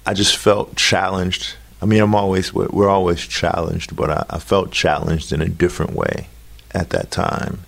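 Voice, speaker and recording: A man speaking as an interview guest, reflective and halting as he thinks through his answers. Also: low-pitched, level tone, gravelly, fairly bright tone. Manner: halting, thoughtful.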